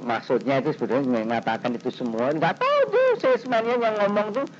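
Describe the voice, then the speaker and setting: A male pastor gives a lively sermon in a casual, talkative way. His fairly high voice swings widely and jumps up abruptly. It comes from a dull 1990s recording with faint hiss. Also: quick pace. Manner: animated, conversational preaching with sudden pitch leaps.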